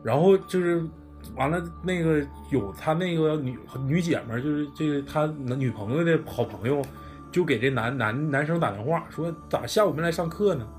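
A man's voice: on the high side, normal speed, darkish tone, soft background music. Northeastern Chinese man, blunt storyteller. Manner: blunt, swears freely, colloquial. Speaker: podcast storyteller. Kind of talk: casual storytelling chat.

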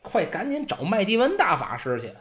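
A man voicing a frantic young male apprentice mage who yells in alarm. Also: wildly swooping pitch, normal speed, muffled recording, full character voice. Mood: panicked. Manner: shrill frantic yelling.

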